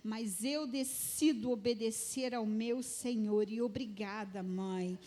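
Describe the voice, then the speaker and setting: Brief: a moody sixteen-year-old girl, whiny to tearful, fairly high, put on by a woman preacher. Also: slow pace, warm tone. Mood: tearful earnest. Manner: whiny, then tearful and earnest.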